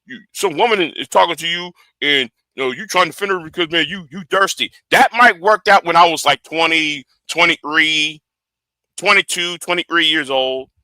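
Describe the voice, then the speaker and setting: A man in his forties runs a heated livestream, speaking in a high, piercing, bright voice. He stammers, doubles back and repeats words as he pushes his point. The sound is close and dry, with no room around it. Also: moderate pace, no echo. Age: 40s. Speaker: livestream host.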